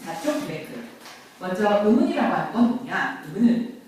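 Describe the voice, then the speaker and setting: A middle-aged woman teaching grammar to a classroom, lively, quizzing and teasing her students. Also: mid-range voice, brisk, a little hiss or hum. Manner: lively, questions and teases students. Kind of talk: classroom lecture. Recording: very echoey classroom from far off.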